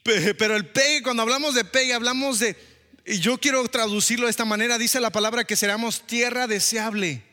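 High-pitched animated male pastor. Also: a little fast, big-room sound. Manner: animated, asks the congregation questions. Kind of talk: sermon.

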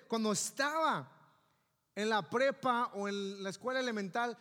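A man with a Mexican accent preaching a sermon as pastor, often asking his congregation "yes or no?". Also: sits high. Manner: lively, asks the congregation "¿sí o no?". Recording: reverberant hall with faint music.

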